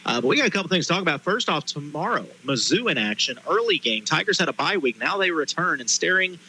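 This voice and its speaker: Bright, forceful male sports radio host. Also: a little high, very animated, fast, slight background noise, low-quality recording. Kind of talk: live sports broadcast chat and promos. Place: stadium press booth.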